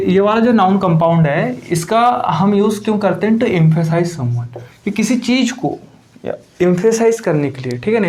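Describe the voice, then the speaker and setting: A man's voice: fairly high pitch, darkish tone. A man teaching English grammar for competitive exams in a Hindi-English lecture, explaining step by step, repeating key words and asking questions of his students.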